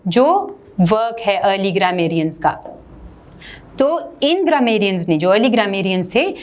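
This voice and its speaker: A woman, an English teacher in an online exam-prep lesson, who reads English text slowly and then explains it in casual, chatty Hindi. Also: mid-range voice, very animated.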